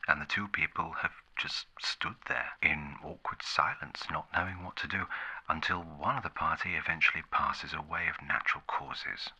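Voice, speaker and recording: A man playing a formal, condescending 1950s public-service ad announcer in a whispered role-play, a soft gravelly voice and deadpan, measured delivery. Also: heavily acted, poor audio. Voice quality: breathy, soft, gravelly low voice.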